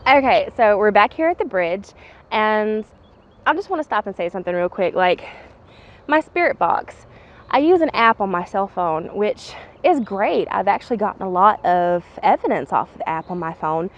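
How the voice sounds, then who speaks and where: A woman's voice: mid-range voice, animated, moderate pace, highs cut off. A woman hosting a casual ghost-hunting vlog outdoors, chatting informally to viewers and calling out questions to spirits. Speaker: ghost-hunting vlogger and host. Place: outdoors at a bridge. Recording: clear background noise, clicks.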